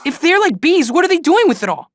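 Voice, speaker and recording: An eager boy angel from a video game. The voice is very high and lively, earnest and a little naive. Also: fast talker, very noisy, full character voice. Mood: puzzled, earnest. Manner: earnest, boyish, excitable.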